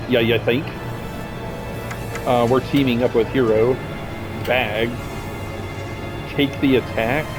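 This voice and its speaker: Laid-back young man reading a game aloud. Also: medium pitch. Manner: casual, joking, says "dude" and "bro". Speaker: gameplay streamer. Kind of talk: casual let's-play commentary reading game text aloud.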